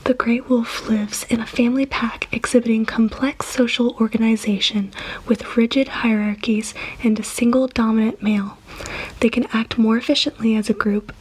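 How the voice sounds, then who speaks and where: A woman whispering softly and breathily in an ASMR style, gently reading nature facts aloud without hurry. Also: fairly high pitch, fairly even intonation, slightly rough, rough recording. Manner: soft, unhurried, gentle.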